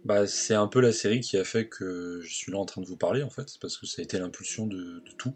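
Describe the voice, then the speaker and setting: Deep-voiced enthusiastic podcast guest. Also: male voice, a little fast, a little mellow, slightly rough. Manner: enthusiastic, lots of filler hesitations. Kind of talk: casual podcast chat.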